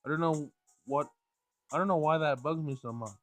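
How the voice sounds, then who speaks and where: In this Let's Play, a man reads the visual novel's text aloud at a brisk clip, his voice a little high. Soft background music accompanies him, and he occasionally fumbles words and repeats lines.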